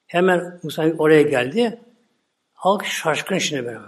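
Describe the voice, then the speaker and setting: A man's voice: on the high side, expressive, normal speed. A man preaching, retelling a religious story animatedly with many repeated filler words. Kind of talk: sermon storytelling.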